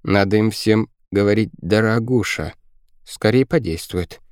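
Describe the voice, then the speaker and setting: A man voicing a frantic, bossy and spiteful girl in an audiobook, with shrill, scolding and hurried whispered lines. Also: clean tone, no echo, studio quality, close to an everyday voice. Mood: urgent whispering.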